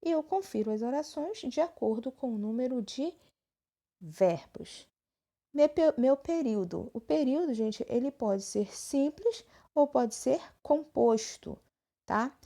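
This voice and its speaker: Brazilian lady teacher explaining grammar, soft mellow tone, keeps asking the class if they got it. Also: high-pitched, lively intonation, a little slow. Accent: Brazilian Portuguese. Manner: explanatory, frequent check-ins with students. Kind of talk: recorded grammar lesson. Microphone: phone screen recording.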